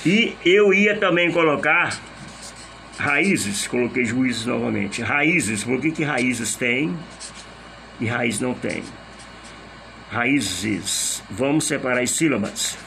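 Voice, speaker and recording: Guy teacher going over grammar rules real slow, patient, little ac hum behind. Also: mid-range voice, animated, gravelly, sharp tone. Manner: patient, repeats rules step by step with rhetorical questions. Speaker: Portuguese teacher. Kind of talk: recorded grammar lesson.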